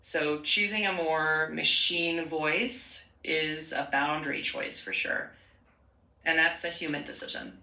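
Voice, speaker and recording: Gravelly ai woman voice, slow and careful, bright tone, echoey room. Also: sits low, steady tone. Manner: slow and tentative, with hedged, soft phrasing. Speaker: AI voice assistant. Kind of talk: measured conversational replies.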